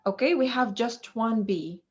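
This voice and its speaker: A woman gives an English pronunciation lesson at a very slow, deliberate pace, filling pauses with many ums and uhs. Her voice sits somewhat high. The recording sounds dull and lo-fi. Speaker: English teacher.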